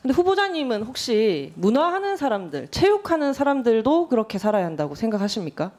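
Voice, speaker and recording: A woman in her thirties, a lawmaker, questioning a nominee in a formal hearing room in a measured, pointed and direct way. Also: a little high, very animated, a little mellow. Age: 30s.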